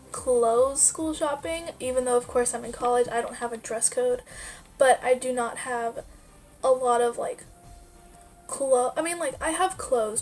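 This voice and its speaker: Stuffed up from a sinus infection, a young woman vlogger sounds nasal as she rambles casually about her life, leaning on many fillers. Her voice is high and a little mellow.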